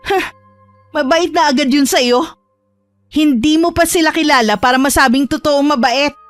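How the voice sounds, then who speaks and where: A woman's voice: sits high, moderate pace, dry recording, soft background music, voice pushed up, lightly acted. A woman playing a bitter scheming rival. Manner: sharp, rude, defensive. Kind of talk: radio drama acting.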